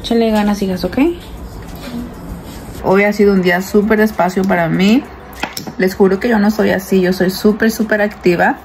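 A mom vlogger in her thirties, who stays home with the kids, chats casually into a phone held at arm's length, calling viewers "girls" as she moves through her kitchen and bedroom. Her medium-pitched voice is a little mellow and fairly even, at normal speed with frequent pauses. Faint music plays, and the recording quality is low.

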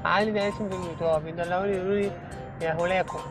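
A man's voice: high voice, steady tone, very fast. A man with an Egyptian accent playing a prankster taxi driver, joking and rambling nonsense with a straight face inside a taxi. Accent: Egyptian Arabic. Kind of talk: hidden-camera prank banter. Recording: loud music over the voice.

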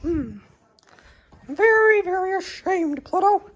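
A woman's voice: very high voice, lively intonation, takes it slowly. A woman in improvised pretend play as a pet owner, scolding her dog in a playful, mock-dramatic way.

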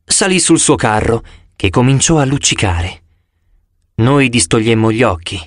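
Animated male audiobook narrator. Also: mid-range voice, a little slow, dry recording, studio quality. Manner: animated first-person storytelling. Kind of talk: expressive audiobook reading.

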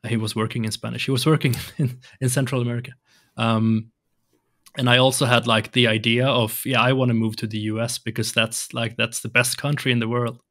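A young man from Sweden, whose first language is Swedish, speaks English briskly in a medium-pitched, fairly bright voice with a level tone. As a podcast guest in a casual interview chat, he hesitates and restarts a lot. He sits in a home room with shelves and colored lights, headphones on, at a large studio mic on an arm.

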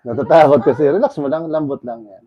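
A man's voice: on the high side, fast talker, dry recording, muffled recording. Dry-voiced man coaxing a massage client. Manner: coaxing, repeats calm instructions. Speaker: traditional bone setter. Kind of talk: guiding a client through a massage.

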